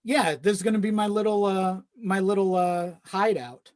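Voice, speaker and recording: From a home office inside a small shed they built themselves, a young adult chats casually and openly, rambling and swearing casually. Their medium-pitched voice is a little mellow and moves at a normal speed, and the unpadded shed gives a slight echo.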